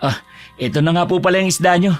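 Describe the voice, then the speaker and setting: A man's voice: high voice, quick pace, faint music behind, lightly acted. A man playing a weary fish-vendor husband. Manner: respectful with elders, exasperated with wife.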